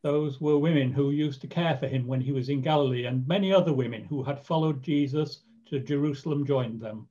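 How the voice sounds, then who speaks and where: Mellow male narrator, lo-fi. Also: medium pitch. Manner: measured storytelling. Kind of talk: scripted scripture narration.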